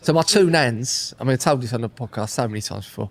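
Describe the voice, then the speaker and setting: Animated Essex man, casual podcast banter. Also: medium pitch, quick pace, gravelly. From Essex, England. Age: 30s. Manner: mocking, sweary, mimics other people's remarks. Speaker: podcast host.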